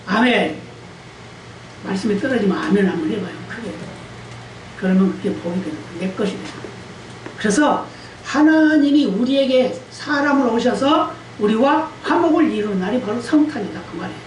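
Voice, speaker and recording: A woman's voice: on the high side, animated, fairly quick. A woman pastor preaching a Sunday sermon who quizzes the congregation and calls for amens. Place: church sanctuary. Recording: echoey church hall, distant mic, faint hiss.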